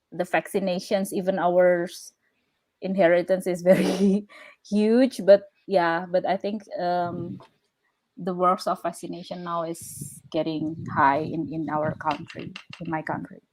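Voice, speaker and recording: A woman's voice: on the low side, no room sound. A woman from Indonesia, a film director, answering in a live online Q&A in a friendly way with fillers. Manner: friendly, soft laughs, fillers.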